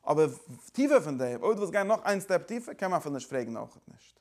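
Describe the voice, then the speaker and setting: A man's voice: a little high, sing-song, brisk, darkish tone. A man lecturing like a teacher, driving his explanation forward with repeated phrases and words from several languages.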